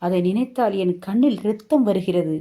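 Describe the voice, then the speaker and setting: A woman's voice: medium pitch, moderate pace, warm tone, lightly acted. A woman voicing a wronged mother who bitterly questions and grieves over her hard life. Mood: anguished. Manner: pleading, anguished questioning.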